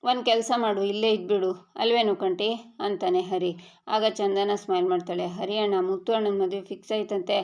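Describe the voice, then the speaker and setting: A woman narrating a TV serial episode recap, reading every character's lines in an even storytelling voice. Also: mid-range voice, normal speed. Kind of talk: reading a serial recap aloud, voicing all dialogue. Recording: dull lo-fi audio.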